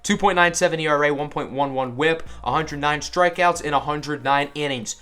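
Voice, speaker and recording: A young man with a high-pitched voice calls a baseball video game like a sports announcer. He is upbeat and excitable, and he speaks into a desk mic at home. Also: moderate pace. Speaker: gaming YouTuber. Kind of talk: play-by-play commentary over a video game.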